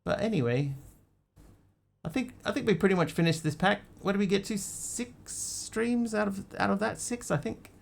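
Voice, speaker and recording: A man raised in Australia chats casually with his live-stream audience. His voice sits high and sounds gravelly at a normal speed, and he rambles hesitantly with lots of ums and restarts.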